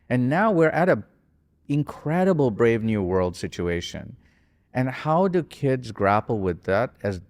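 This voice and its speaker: Low-voiced man in a reverberant hall. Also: a little mellow. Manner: thoughtful, rambling, self-correcting. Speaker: podcast guest. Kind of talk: casual conversation.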